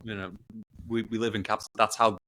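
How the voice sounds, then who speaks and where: A man in casual podcast chat, talking in a relaxed, rambling way with lots of fillers. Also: on the low side, fast, slight background noise, rough recording. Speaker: podcast guest.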